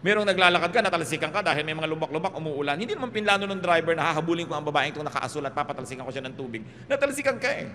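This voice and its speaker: A man with a Filipino accent preaching a sermon as a pastor, animated and humorous, often tossing rhetorical questions to the congregation. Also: a little high, racing, few pauses, a little hiss or hum. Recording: reverberant hall, faint background ambience.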